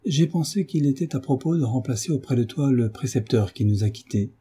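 A man reading a novel aloud, voicing a gentle mother who pleads tenderly but stays firm with her son. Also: medium pitch, expressive, brisk, slightly rough.

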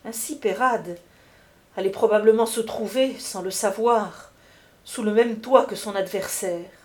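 A woman narrating a classic novel as an audiobook, in a measured, literary manner. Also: medium pitch, a little mellow.

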